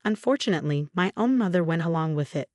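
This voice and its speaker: A woman reading online forum posts aloud as scripted narration, in an even, measured delivery with no fillers. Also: on the low side, no echo, clean studio sound. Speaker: story narrator.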